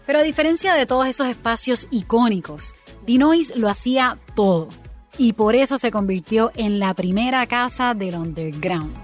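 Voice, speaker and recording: A woman from Puerto Rico with a Puerto Rican accent, hosting and narrating a documentary podcast in a measured storytelling way. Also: on the high side, faint music behind. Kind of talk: scripted narration.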